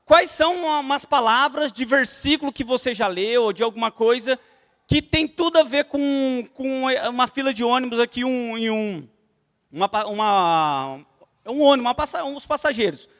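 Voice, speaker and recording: Very high-voiced Brazilian church teacher. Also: male voice, moderate pace, in a large hall. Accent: Brazilian Portuguese. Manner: lively storytelling that addresses the class directly. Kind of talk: church class lecture. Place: church hall.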